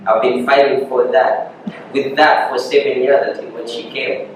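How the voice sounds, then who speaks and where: African guy laughing through his own story, mid pitch, far off in a boomy hall. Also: little pitch movement, moderate pace, slight background noise. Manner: storytelling with laughter, acting out dialogue. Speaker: guest speaker sharing his story. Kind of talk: personal testimony. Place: church hall. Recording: echoey church hall from far off.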